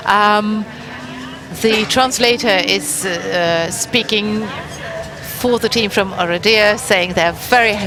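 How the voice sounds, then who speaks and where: A woman calls a live sports event, exclaiming encouragement and often repeating her phrases, while also relaying a translator's words. She speaks slowly at a medium pitch over a noisy background.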